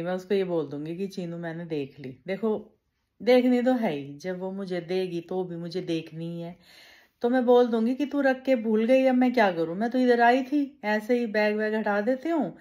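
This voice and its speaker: A young woman vlogger chatting casually to her viewers, keeping her voice down at times. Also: mellow. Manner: chatty, addresses viewers as bhai; lowers voice to avoid waking someone. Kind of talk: casual daily vlog chat.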